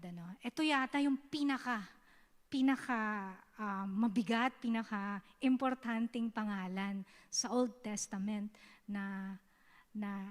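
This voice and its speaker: A woman's voice: on the high side, long reverb tail. A Filipino woman giving a youth sermon in casual mixed speech, often checking in with her listeners. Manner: conversational, keeps asking "diba?". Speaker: youth service speaker. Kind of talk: Taglish sermon teaching. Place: church hall.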